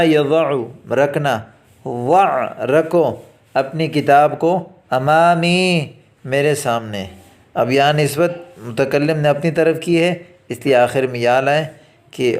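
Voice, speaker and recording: Man slowly teaching Arabic phrases. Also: fairly high pitch, a little mellow. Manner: slow, drawn-out reading of Arabic phrases, then quick Urdu explanation. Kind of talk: classroom lesson explaining Arabic phrases in Urdu. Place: academy lesson recording.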